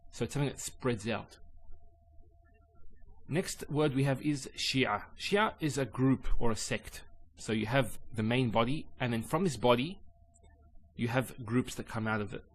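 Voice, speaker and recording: Calm man explaining a language lesson. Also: medium pitch. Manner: calm, measured explaining with pauses. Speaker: Arabic teacher.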